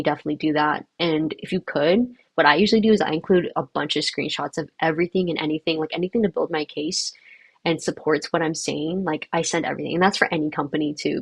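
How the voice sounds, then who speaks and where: A young woman whose first language is Vietnamese hosts a livestream in a low-pitched, gravelly, slightly rough voice, recorded with no echo. She chats casually and cheerfully with viewers, using lots of fillers.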